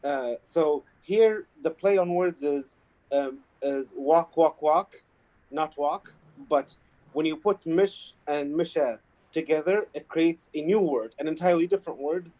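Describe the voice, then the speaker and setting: A man from Kuwait, an Arabic speaker, chatting casually and explaining things in a halting way. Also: on the high side, mellow, low-quality recording. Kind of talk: casual chat.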